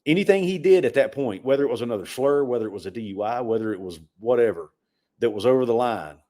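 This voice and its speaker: A man's voice: mid-range voice, animated, fast talker, dark tone. A man co-hosting a sports livestream, talking casually and often repeating words as he makes a point. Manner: conversational, repeats words when emphatic. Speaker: sports podcast co-host.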